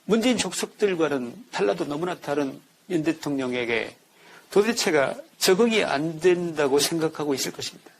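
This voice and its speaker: A man's voice: on the high side, animated, moderate pace, creaky. A man giving scripted political commentary in an indignant tone, building his points through rhetorical questions.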